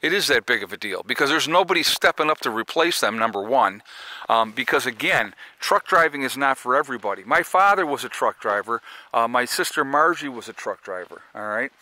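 A man's voice: mid-range voice, pushed and bright. A man in his forties vlogging outdoors on a snowy rural property, talking earnestly and rambling to viewers he calls folks, into a phone held at arm's length while he walks. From United States. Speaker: prepping vlogger. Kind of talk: casual vlog monologue. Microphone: phone camera held at arm's length while walking.

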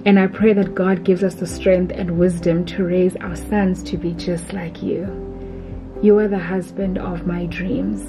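A woman with a South African accent reading a heartfelt, prayerful letter as a voice-over, slow and tender. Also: on the low side. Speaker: vlogger. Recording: dull voice-over under loud music. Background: music.

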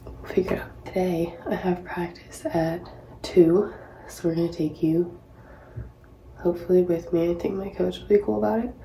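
Her voice sits fairly low, gravelly and dark, with little pitch movement and a normal speed. She's a professional tennis player from Hawaii in her twenties, casually vlogging as she gets ready in a small bathroom and tossing out rambling, self-deprecating asides. The close-up built-in camera mic of a laptop or phone yields a low-quality, echoey recording with a bit of hiss or hum.

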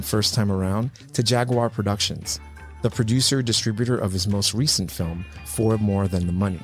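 A man narrating a scripted video essay in a measured, informative way. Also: fairly low pitch. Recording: voice-over with music underneath.

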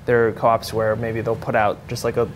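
A man's voice: medium pitch, completely flat delivery, moderate pace, a little hiss or hum. A young man co-hosting a studio interview, asking questions in loose, hesitant phrasing. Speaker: co-host. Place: small TV studio, indoors.

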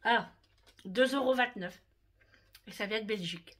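A woman's voice: medium pitch, unhurried, fairly bright tone. A woman casually showing her shopping haul to her viewers, chatting to them directly and often tagging "hein" onto her sentences. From France. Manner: chatty, talks straight to viewers, fond of "hein".

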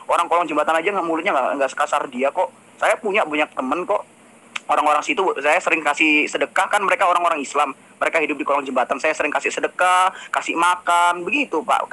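High, bright-voiced mocking man. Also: low-quality recording. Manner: mocking, sarcastic. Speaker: religious debater. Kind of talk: voice-note debate.

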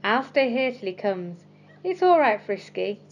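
A woman voicing an eager, excited little boy who calls out in a high, urgent voice. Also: normal speed, muffled recording, slight background noise, natural voice. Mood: soothing.

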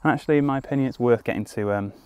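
Filmed outdoors in a woodland clearing by a camera on a tripod a few metres off, a young man from the UK crouches in frame as a foraging guide. He speaks at a rapid clip in a medium-pitched, slightly mellow, smooth voice with no echo, explaining each step with easygoing ums and restarts.

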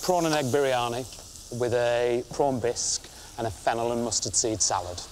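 A British man, a cooking contestant, talking about his dish in a relaxed, matter-of-fact way. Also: medium pitch, normal speed, slight background noise. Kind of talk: interview and casual chat. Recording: music under the voice.

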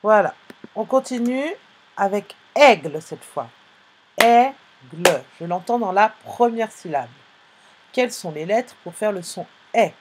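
Teaching young pupils phonics in a live online class, a woman with a medium-pitched, animated voice speaks slowly and clearly. She patiently spells out sounds and letters, with a slight hiss or hum in the audio.

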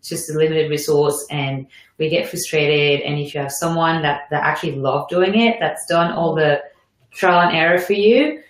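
French-accented woman host, low-ish voice, chatty and encouraging, live webinar, roomy echo. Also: moderate pace. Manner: chatty, encouraging, many fillers.

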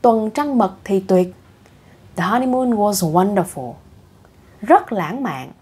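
A woman's voice: mid-range voice, animated, slow, a little mellow, breathy edge, heavily acted. A woman reading the lines of a young bride who pleads tearfully with her mother.

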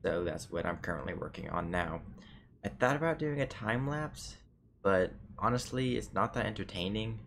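A man's voice: low voice, slight background noise. A man giving casual, joking commentary while playing a building game. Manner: joking, self-mocking, chatty. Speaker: gamer.

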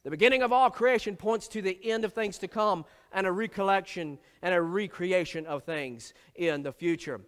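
Man, pastor, emphatic sermon, repeats phrases, high voice, reverberant church hall. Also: moderate pace, few pauses, a bit bright, clean tone.

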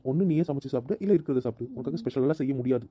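A man's voice: medium pitch, racing, mellow, no room sound, natural voice. A man playing a bossy teasing husband. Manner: commanding, teasing. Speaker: voice actor in audio drama. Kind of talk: amateur audio drama acting.

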